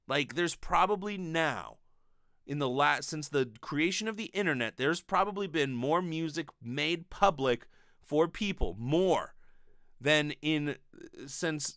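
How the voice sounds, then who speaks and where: A podcast host in his late 20s, with a higher voice, riffs animatedly and profanely through a comedic monologue answering listener mail. He records in a small bedroom on a close desk condenser mic with a pop filter, giving dry, clean studio sound.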